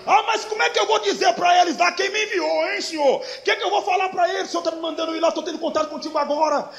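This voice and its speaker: A preacher acting out Moses, shouting anxious, pleading questions at God. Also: male voice, very high voice, rapid-fire, gravelly, soft background music, pitched above the performer's own voice, full character voice. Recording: echoey church hall.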